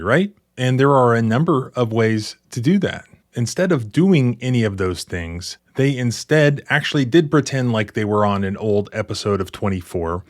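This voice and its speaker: A man narrates and comments on police footage in a sardonic way. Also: mid-range voice. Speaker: civil rights lawyer, commentator. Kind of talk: scripted commentary.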